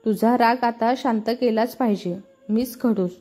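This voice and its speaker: A woman's voice: on the high side, measured pace, dark tone, soft background music. A woman reading the lines of a brash, teasing young male college student in a storybook. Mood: coaxing.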